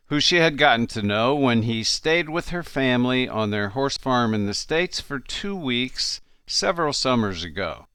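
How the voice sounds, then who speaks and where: A man's voice: mid-range voice, pushed and bright, smooth, no echo. A man narrating a language course in a scripted, encouraging and reassuring instructor's manner, recorded on a studio microphone.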